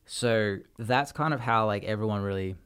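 A man with an Australian accent talks in a low, easygoing voice. He rambles through his points, restarting sentences as he goes. He tells stories casually, like a guest on a chat show. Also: moderate pace, clean tone. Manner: rambling, restarts, lively storytelling. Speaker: podcast guest.

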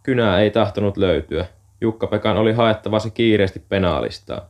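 A man calmly narrating an audiobook chapter in a steady storytelling manner. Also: lowish voice. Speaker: audiobook reader. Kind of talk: scripted narration.

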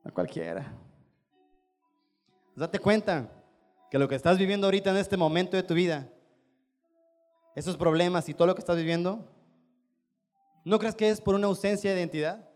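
Mexican male preacher, high-pitched, emphatic, questioning the congregation, faint background music. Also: brisk, long pauses, a little mellow. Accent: Mexican Spanish. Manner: emphatic, repetitive, rhetorical questions. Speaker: pastor. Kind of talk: sermon. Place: standing before a congregation.

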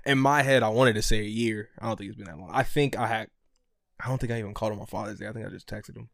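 A man's voice: fairly low pitch, rapid-fire, gravelly, no room sound, studio quality. A young man co-hosting a podcast, laid-back and slangy, swearing freely in casual chat. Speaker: podcast co-host.

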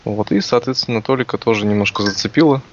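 Young male co-host, on the low side, conversational podcast delivery, slightly muffled lo-fi recording. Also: steady tone, fast talker, slight background noise. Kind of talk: casual podcast talk. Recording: dull, lo-fi sound.

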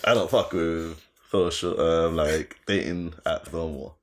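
Speaking in a low voice at a measured pace, a young Londoner with a roadman accent spins a casual story. He's animated and full of slang, hammering points home by repeating phrases.

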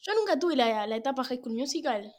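A woman in her twenties with a Rioplatense Spanish accent, co-hosting a film podcast with teasing, quick-witted banter. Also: high-pitched, lively intonation. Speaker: podcast co-host. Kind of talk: casual chat.

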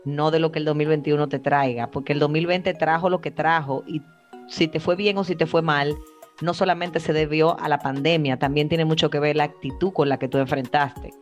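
A woman co-hosting a casual chat, speaking in a reflective, emphatic way with drawn-out phrases. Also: low-pitched, fairly even intonation, muffled recording, soft background music. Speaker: podcast co-host. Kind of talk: casual chat among friends.

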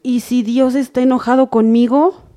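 Lady playing a nervous little daughter, high pleading voice, dry sound. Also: steady tone, moderate pace, warm tone, dry recording, lightly acted. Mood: whiny. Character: fidgety young daughter at mass. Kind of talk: comedy sketch acting.

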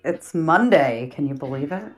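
A woman's voice: sits low, expressive, normal speed, soft background music. A woman co-hosting a podcast over a call, laughing easily and tossing in playful quips. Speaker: podcast co-host.

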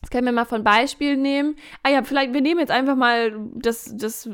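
A woman in a casual podcast chat, giving coaching advice in an animated way, acting out inner voices and adding jokey asides. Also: high voice, brisk, clear, resonant tone. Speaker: podcast guest.

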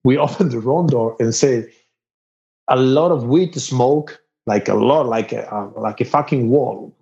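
A man from Spain with a Spanish accent, a rock musician telling a casual anecdote in animated, halting English and laughing as he goes. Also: mid-range voice, gravelly, highs cut off. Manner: animated, laughs through the story, halting non-native grammar.

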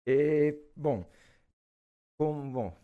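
A man in his forties from Naples with an Italian accent, a physics professor answering interview questions in a relaxed way, with frequent hesitations and fillers. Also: on the high side, drawn-out words, narrow, tinny audio, crowd noise. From Naples, southern Italy. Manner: hesitant, many "ah" fillers, laughs easily.

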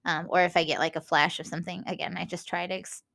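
A woman's voice: on the low side, little pitch movement, quick pace, creaky, fairly bright tone. A young woman with a Minnesotan accent giving a casual, rambling spiritual talk as a podcast host, full of fillers and self-corrections.

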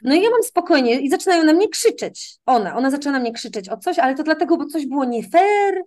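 Yeah a teacher lady chatting casually, high voice, tells stories and plays out what the kids said. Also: quick pace. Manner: animated anecdotes, acts out quoted exchanges, frequent tag questions. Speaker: English teacher for children, guest. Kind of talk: casual storytelling in an interview.

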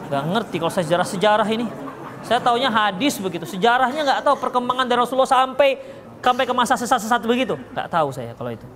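An Islamic preacher from Medan, Indonesia, delivers a religious lesson and fields questions, often teasing and chuckling. His voice is extremely high and a bit bright, moving at a quick pace. The echoey hall carries faint ambience, some background chatter, and a little hiss or hum.

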